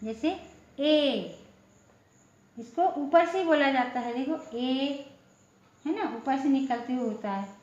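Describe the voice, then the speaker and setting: A woman teaching a language lesson, slowly explaining letters, asking questions and answering them herself, often repeating words. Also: sits high, lively intonation, darkish tone. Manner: slow, repetitive, asks questions then answers them. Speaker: Hindi teacher. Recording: echoey room, dull lo-fi sound.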